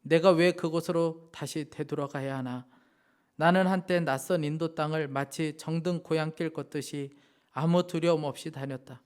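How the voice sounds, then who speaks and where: A man preaching a Sunday sermon in church. His voice sits a little high for a man. He reads a moving story aloud and then turns to address the congregation directly. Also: fairly even intonation, moderate pace. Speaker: pastor. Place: church sanctuary.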